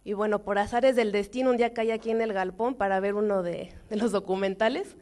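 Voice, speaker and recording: A young woman from Mexico, speaking with a Mexican accent, gives an informal talk to a forum audience in a measured way, with many fillers and restarts. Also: mid-range voice, steady tone, darkish tone. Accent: Mexican Spanish.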